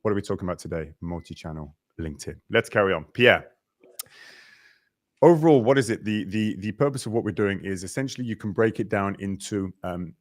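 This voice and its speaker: A man hosting a live webinar, chatty and energetic, greeting viewers and walking through slides over a video call. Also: lowish voice, brisk, no echo, clean studio sound. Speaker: webinar host.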